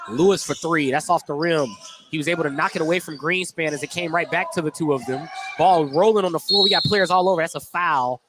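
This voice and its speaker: Calling basketball live on the radio, a man with a fairly high voice speaks a little fast in short, clipped phrases full of detailed action. The recording carries the noisy ambience of the indoor gym and the sound of the ball bouncing.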